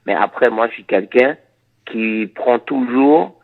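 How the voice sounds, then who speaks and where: The speaker is a male reggae musician from Suriname who grew up speaking Dutch. His pitch is medium, and he answers an interview slowly and thoughtfully, repeating words often, over narrow, tinny audio.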